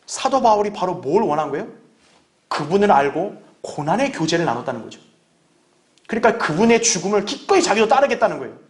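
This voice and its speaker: A man's voice: high-pitched, big pitch swings, fairly quick. A man preaching a sermon as pastor, earnest and conversational, often asking the congregation rhetorical questions.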